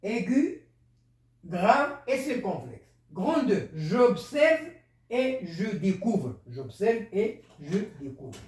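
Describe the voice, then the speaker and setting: A teacher explaining a French spelling lesson, slow, repetitive and patient. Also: mid-range voice, very animated, darkish tone. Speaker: primary school teacher. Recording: roomy, distant from the mic.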